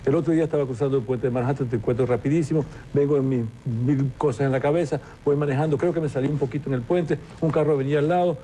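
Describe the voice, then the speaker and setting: A man's voice: medium pitch, fairly even intonation, quick pace, hardly any pauses, warm tone, slight background noise. A man, a television presenter guest in an interview, talking reflectively and telling anecdotes with frequent restarts. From Venezuela. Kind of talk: conversational interview storytelling.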